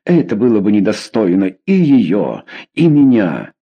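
A man's voice: lowish voice, huge pitch swings, a little slow, husky, muffled recording, heavily acted. A man voicing a passionate, lovesick young duke in an audiobook, speaking fervently and pleading.

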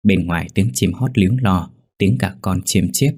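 A man narrating a ghost story in a measured, suspenseful manner. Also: low-pitched, a little mellow, slightly rough. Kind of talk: scripted horror story narration.

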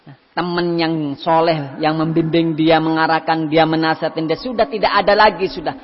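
Animated male preacher in echoey hall. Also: a little high, normal speed, a little hiss or hum. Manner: animated storytelling with voiced quotes. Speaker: ustadz. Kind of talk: sermon. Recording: dull lo-fi hall recording.

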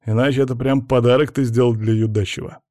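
Grumpy needling coworker, read by a male narrator, warm dark tone. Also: mid-range voice, steady tone, fast, dry recording, clean studio sound, close to an everyday voice. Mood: grumbling. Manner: grumbling, smirking.

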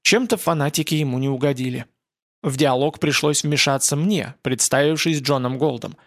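A man narrating first-person fiction as an audiobook, in a steady, even storytelling manner. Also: medium pitch, moderate pace, no echo, clean studio sound.

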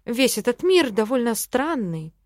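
A woman narrating a fantasy novel in first person, wry and expressive. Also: fairly high pitch, measured pace, no room sound, clean studio sound. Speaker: audiobook narrator.

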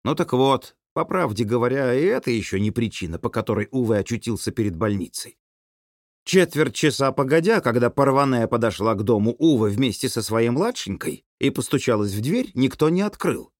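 A man narrating an audiobook in an animated storytelling manner. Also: medium pitch, fairly quick, dry recording, clean studio sound. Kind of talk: scripted narration.

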